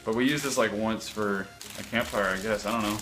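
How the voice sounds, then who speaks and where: A man's voice: fairly low pitch, steady tone, fairly quick, music in the background, poor audio. Rambling young man vlogging casually. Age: young adult. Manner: rambling, unsure asides. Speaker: YouTube vlogger. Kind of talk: casual chat to camera. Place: home kitchen.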